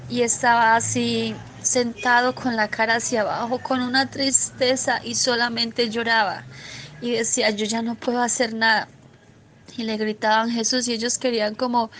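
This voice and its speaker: A woman gives a spoken testimony of a religious vision in an earnest, halting way, often stopping and starting her sentences again. Her voice sits slightly high and stays flat, with little rise and fall. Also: slight background noise. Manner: earnest, halting, with frequent restarts. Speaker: believer sharing a vision testimony.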